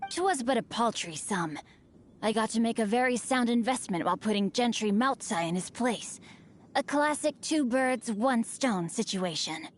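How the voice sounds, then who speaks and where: An actor playing a witty, refined young noble heir in a game, formal and wry. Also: male voice, very high-pitched, lively intonation, normal speed, slight background noise. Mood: composed.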